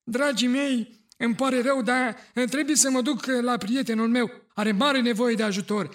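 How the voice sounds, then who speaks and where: A performer voicing a jovial, loving old grandfather in a cartoon who talks loudly. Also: medium pitch, fairly even intonation, natural voice. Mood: hurried jolly. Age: older. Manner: jovial, loud, laughing. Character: jolly loving grandfather, former galaxy defender. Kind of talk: cartoon dub acting.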